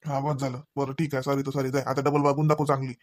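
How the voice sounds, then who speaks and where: Guy doing a cranky cartoon husband, rapid-fire lecturing, dry studio. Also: mid-range voice, flat delivery, no echo, lightly acted. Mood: stern. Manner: nagging, lecturing, rapid scolding. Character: scolding husband Ravi, grown man, short-tempered. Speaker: voice actor. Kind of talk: cartoon voice acting.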